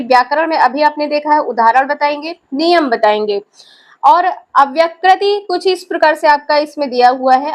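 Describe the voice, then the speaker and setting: A woman teacher going through exam questions one option at a time, asking a question and then answering it herself. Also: high-pitched. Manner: explains each option, asks questions then answers them.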